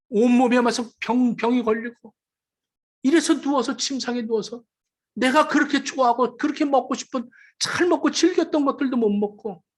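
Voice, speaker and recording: A woman pastor preaching a sermon with emphatic rhetorical questions, moving between loud calls and hushed asides. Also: sits high.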